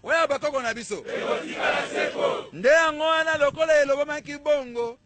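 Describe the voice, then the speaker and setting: A man with a Congolese accent delivers a fiery street-style sermon in a very high-pitched voice at normal speed, hammering out emphatic rhetorical questions. Heavy background noise surrounds him, including a faint crowd.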